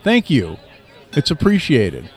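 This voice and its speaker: A man's voice: a little high, wildly swooping pitch, slow pace, slightly rough, some chatter behind. A man hosting a casual interview, often ending his points with leading tag questions. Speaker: interview host.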